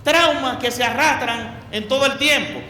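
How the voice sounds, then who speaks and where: A man preaches to a gathered congregation with a very high, bright voice. He stresses points by repeating words and by turning questions on his listeners. His voice rings through a large, echoey hall over a faint background hum. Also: normal speed. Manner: asks the audience questions.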